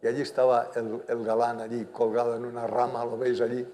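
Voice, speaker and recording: A man's voice: monotone, brisk, warm tone, soft background music. An older man, preaching a sermon and sharing his testimony, growing emphatic on key points. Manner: emphatic, rises in pitch and volume on key points. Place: church hall. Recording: long church reverb.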